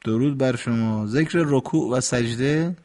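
A man's voice: medium pitch, darkish tone. A man hosts a call-in radio program from the studio. He speaks in a patient, teacherly way with a mid-range voice, often demonstrating how words should sound. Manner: patient, corrective, demonstrates pronunciation. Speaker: radio host and recitation teacher. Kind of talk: instructive radio call-in talk.

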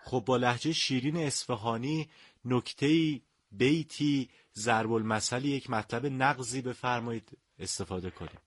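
A man's voice: mid-range voice, no echo, studio quality. A male radio show host interviewing a guest, courteous and effusive with praise. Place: radio studio.

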